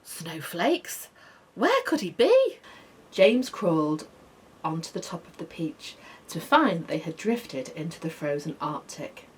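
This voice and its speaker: Woman storyteller, expressive read-aloud, lively rising and falling pitch, lowish voice. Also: measured pace, slightly rough. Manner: expressive, softening to near whisper at calm moments.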